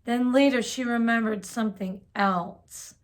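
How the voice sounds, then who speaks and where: A woman reads a children's picture book aloud, gentle and expressive like a storyteller. Her voice sits a little high and her pace is a little slow.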